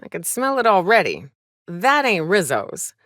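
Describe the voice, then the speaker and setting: Voicing a hardened frontier woman in a space video game, she tosses out brief, salty reactions with a sardonic, folksy edge. Her pitch swings hugely and she's unhurried, her tone a bit bright, the recording close, dry and echo-free.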